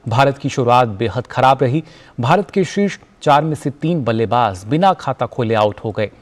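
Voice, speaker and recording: A man reading the news as anchor in a formal, measured delivery. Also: medium pitch, expressive.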